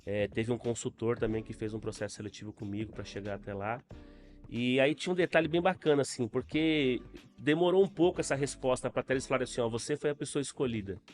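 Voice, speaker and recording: A man's voice: mid-range voice, quick pace, faint music behind. A middle-aged man with a Brazilian accent, a podcast guest giving an earnest, casual testimony full of fillers. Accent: Brazilian Portuguese. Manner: earnest, storytelling with frequent fillers.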